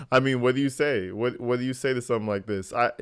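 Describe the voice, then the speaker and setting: A man's voice: medium pitch, clear, resonant tone, no room sound. Man, mid-range voice, casual reaction commentary, incredulous, informal, dry sound. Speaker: reaction video host.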